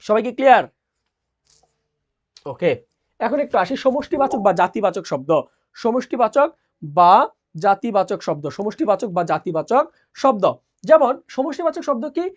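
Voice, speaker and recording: A woman's voice: a little high, big pitch swings, normal speed, pauses often, darkish tone. A woman teaching a live online lesson, repeatedly asking questions and answering them herself. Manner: drills by asking and answering her own questions. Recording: dull lo-fi sound.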